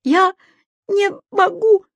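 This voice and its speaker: Woman voicing a shrill, panicky schoolgirl. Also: expressive, moderate pace, darkish tone, no room sound. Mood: hysterical. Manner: panicky, squealing, pleading. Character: terrified young schoolgirl, jittery and shrill.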